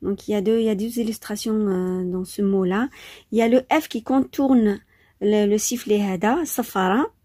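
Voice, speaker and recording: A woman's voice: medium pitch, steady tone, moderate pace, mellow, husky, no echo, clean studio sound. A woman teaching French spelling in an informal, chatty lesson, with frequent hesitations and enthusiasm. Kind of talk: informal vocabulary lesson, mixing French and Arabic.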